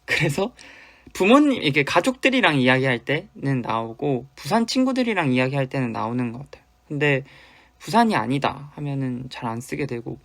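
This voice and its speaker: This young man from Busan, South Korea, has a mid-range voice with big pitch swings and a brisk pace. Hosting a fan livestream as an idol, he responds to comments chattily and playfully in a light Busan Gyeongsang accent, now and then dropping to a murmur.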